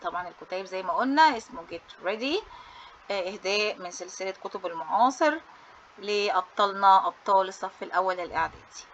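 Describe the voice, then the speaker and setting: Bright, cheerful Egyptian woman teacher. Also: mid-range voice, expressive, fast talker, dull audio, a little hiss or hum. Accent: Egyptian Arabic. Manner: cheerful, coaxing pupils as heroes; mixes English terms into Arabic. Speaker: English teacher. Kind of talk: book review for students.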